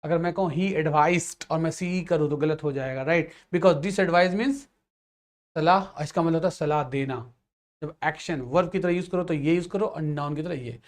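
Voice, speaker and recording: Indian man teaching grammar, higher voice. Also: steady tone, normal speed. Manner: explanatory, checks in often with "ठीक है?". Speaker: English teacher for judiciary exam students. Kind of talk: classroom grammar lesson.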